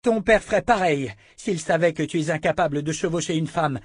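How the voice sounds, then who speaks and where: A man's voice: on the high side, a little fast, husky, dry recording, clean studio sound, pitched above the performer's own voice. A man reading an audiobook and voicing a defiant captive woman inquisitor who taunts her captor. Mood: taunting. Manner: taunting, scornful.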